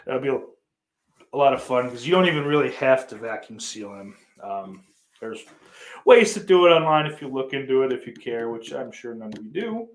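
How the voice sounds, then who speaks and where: In a relaxed livestream chat, a man with a medium-pitched, somewhat bright voice reads viewer messages while rambling, swearing liberally, and making self-deprecating remarks. There's a roomy echo.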